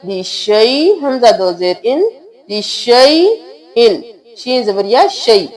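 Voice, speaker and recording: Woman recitation tutor with a high voice who moves between brisk spelling-out and slow, sung recitation. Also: big pitch swings, darkish tone, low-quality recording. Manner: quick spelled-out explanations alternating with slow drawn-out melodic recitation. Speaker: Quran recitation teacher. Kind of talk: tajweed lesson, explaining then reciting slowly.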